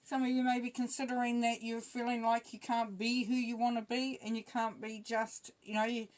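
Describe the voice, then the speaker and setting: A woman giving a casual spoken tarot reading, relaxed and chatty, thinking aloud as she goes. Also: on the high side, normal speed, rough recording. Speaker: tarot reader.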